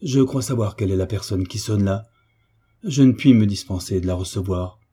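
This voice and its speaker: A man's voice: fairly low pitch, normal speed, warm tone, breathy edge. A man voicing a proud, grieving young orphan woman in an audiobook, pleading through tears. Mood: sorrowful. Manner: sorrowful, tearful pleading. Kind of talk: audiobook reading.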